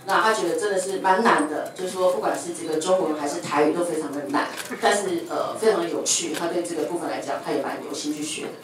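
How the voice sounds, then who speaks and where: A woman's voice: lowish voice, moderate pace, hardly any pauses, recorded from a distance. A woman hosting a fan event and interpreting for the guest, talking in an upbeat way to the crowd. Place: bookstore event floor. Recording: echoey event hall, mic heard from afar, crowd noise. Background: crowd of fans.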